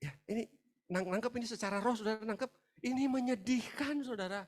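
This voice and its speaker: A man preaching a humorous sermon, animated and jokey, acting out voices and breaking into laughs. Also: very high voice, a little fast. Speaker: pastor.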